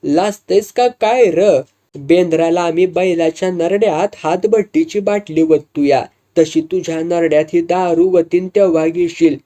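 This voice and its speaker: A man voicing a drunk, bullying rich village man who swaggers and threatens loudly. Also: a little high, measured pace, lightly acted. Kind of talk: storytelling with acted dialogue.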